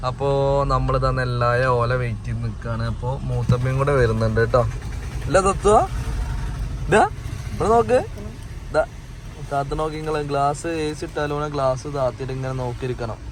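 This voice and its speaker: A chatty family vlogger, a man talking his viewers through the day. His voice sits at a middling pitch, with faint noise behind it. He tosses off joking asides as he goes. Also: fairly even intonation, fast talker. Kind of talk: casual running commentary for a family vlog.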